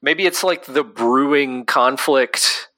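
A man co-hosting a casual podcast about comics, talking in animated quick bursts full of fillers. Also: medium pitch, no echo. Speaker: podcast co-host. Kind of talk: casual chat.

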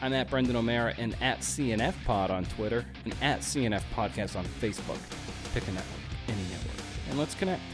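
Over music, a man with a mid-range voice hosts a podcast at a brisk clip. His intro and interview questions come out punchy and emphatic, peppered with playful exclamations.

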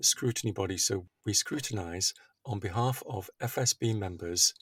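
Low-pitched English male podcast host. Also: no echo. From Yorkshire, England. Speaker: podcast host, managing director. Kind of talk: podcast hosting.

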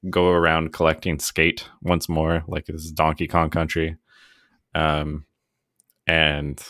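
Deep-voiced man chatting on a podcast. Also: monotone, slow, a bit bright, no echo, studio quality. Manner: chatty and self-deprecating, often laughing. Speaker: podcast co-host. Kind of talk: casual chat.

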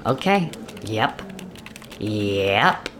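A man's voice: fairly low pitch, very animated, very slow, fairly bright tone, slight background noise, heavily acted. A man playing a baffled coworker, drawling. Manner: awkward, stammering, laughing along. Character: baffled male coworker humoring a colleague.

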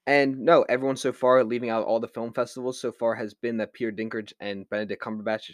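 A man from Delaware County, Pennsylvania, USA, with a Philadelphia-area accent, chats casually while hosting a film review podcast. His voice is medium-pitched and flat, and he talks fast. The audio is studio quality with no echo.

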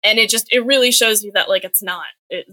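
A young woman in casual podcast chat, retelling a comic book story with lots of filler words and quick acted-out quotes. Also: medium pitch, pushed and bright, no room sound. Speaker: podcast co-host.

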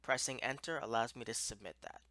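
A man explaining a piece of software step by step in a plain-spoken way, as an instructor. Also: mid-range voice, a little fast, dry recording.

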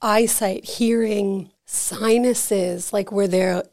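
A woman's voice: mid-range voice, slow. A woman who runs an energy healing center, telling anecdotes in casual, chatty talk full of "like" as a podcast guest. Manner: chatty, peppered with "like", animated anecdotes. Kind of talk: casual conversational storytelling.

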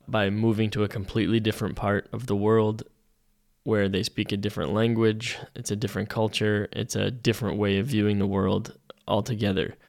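A man from Canada hosting a podcast, talking in a relaxed, reflective way. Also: on the low side, gravelly. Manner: relaxed, reflective, talks through thoughts with fillers. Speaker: podcast host. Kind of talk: casual podcast interview.

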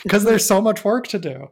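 A man's voice: high voice, lively intonation, a little slow, gravelly, crowd noise. A man hosting a podcast, introducing and questioning a guest in a friendly way, often laughing. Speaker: podcast host. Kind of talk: interviewing a guest.

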